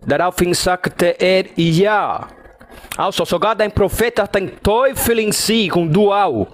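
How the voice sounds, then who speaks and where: A man in a heated online debate who keeps repeating loud accusations, speaking into a loud microphone. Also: high voice, measured pace.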